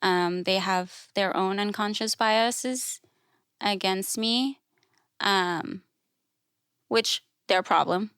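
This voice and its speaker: There are long pauses as this mid-range, fairly bright, clean-toned woman speaks extremely slowly. She is a Thai classical musician and educator on a podcast, telling candid stories with frequent "like" and voiced quotes. The recording is dry and studio quality.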